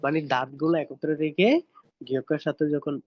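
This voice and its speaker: A man's voice: on the high side, fairly even intonation, fairly quick, no room sound, highs cut off. Man drilling pronunciation, patient and repetitive. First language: Bengali. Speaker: Korean language teacher. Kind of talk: slide-based language lesson.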